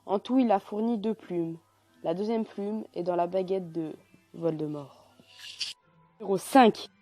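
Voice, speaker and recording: A young woman talks through a numbered list of facts in a casual vlog, chatty and now and then stumbling over her words. Her voice sits in a middle pitch with a soft, mellow tone. Light music plays faintly behind her. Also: dry recording. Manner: lists facts in numbered points, chatty, slightly halting. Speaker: youtuber. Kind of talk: casual fan explainer vlog.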